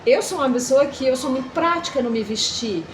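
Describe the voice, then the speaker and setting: A woman's voice: sits high, lively intonation, fairly quick, a little hiss or hum, poor audio. A Brazilian woman talking earnestly as a mentor, teaching about faith and womanhood. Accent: Brazilian Portuguese. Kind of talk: casual faith-based chat.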